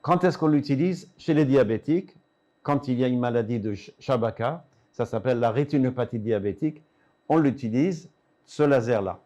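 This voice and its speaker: This muffled recording captures an elderly Iranian eye specialist, 60 or older, whose warm, medium-pitched voice moves at normal speed with lively intonation. In an explanatory interview he shows off his work and equipment, instructing by asking and answering his own questions.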